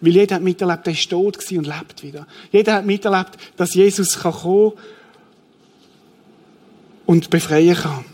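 A man's voice: high-pitched, moderate pace, long pauses, darkish tone. A middle-aged man preaching a sermon, telling the story vividly and acting out the scene. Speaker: pastor.

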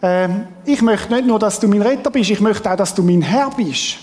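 Pastor preaching in a reverberant church. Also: male voice, high-pitched, normal speed, darkish tone. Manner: earnest, plain-spoken preaching with rhetorical questions. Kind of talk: sermon. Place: church hall.

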